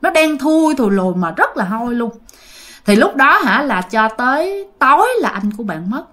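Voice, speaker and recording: A woman's voice: on the high side, sing-song, normal speed, a bit bright. A woman telling a ghost story in a casual, chatty way, speaking directly to her listeners.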